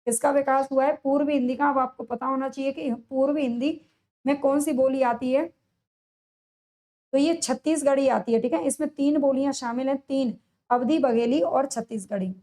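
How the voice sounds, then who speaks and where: In this exam-prep lesson, a woman with a high, warm voice and a sore throat asks every question and then supplies the answer. Her intonation stays fairly even, but she stretches out, emphasizes, and repeats the important answers to help them stick.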